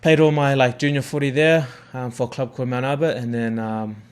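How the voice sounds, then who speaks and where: A young New Zealander with a Kiwi accent chats casually on a podcast about life as a rugby league player, rambling in a laid-back way with plenty of fillers and swearing. His mid-range voice is smooth and fairly quick, with fairly even intonation.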